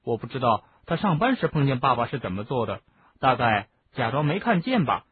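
In this audiobook reading, the man gives the teenage boy wizard a husky, sing-song, fairly quick delivery, chatting and explaining at length. His voice is mid-range, and the recording sounds narrow, lo-fi and phone-like.

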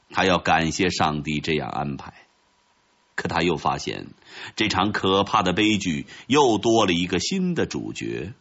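A husky-voiced man reading a storybook aloud with very lively, swooping pitch. His voice sits fairly low and the recording is dull and lo-fi. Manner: expressive, dramatic storytelling. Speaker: narrator. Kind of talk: storybook narration.

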